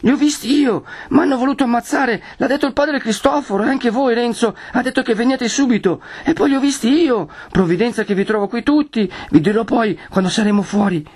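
A man's voice: very high voice, fairly quick, hardly any pauses, darkish tone, husky, voice pushed up. A man voicing a frightened young village boy who is panting and urgent. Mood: panicked.

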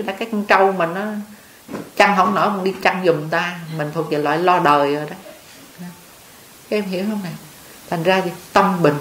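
A woman's voice: on the low side, a little hiss or hum. An older Buddhist nun gives a homely dharma talk, telling stories and often checking that her listeners understand. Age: over 60. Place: monastery hall. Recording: roomy hall with faint ambience.

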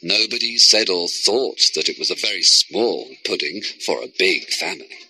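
Expressive male storybook narrator. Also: sits low, normal speed, no echo. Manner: clear, expressive reading. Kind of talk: graded reader narration.

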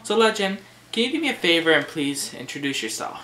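A man hosts a homemade vlog, getting animated and cursing as he gets worked up. His voice is bright and lively, bouncing around a lot. It is caught on a camera mic in an echoey room with a faint hiss. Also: on the high side, fairly quick. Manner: animated, swearing, easily worked up. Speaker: vlog host. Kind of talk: casual ranting vlog.

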